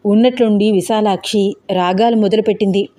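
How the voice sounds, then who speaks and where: A woman narrating a family drama story in a steady, expressive reading. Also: medium pitch, brisk.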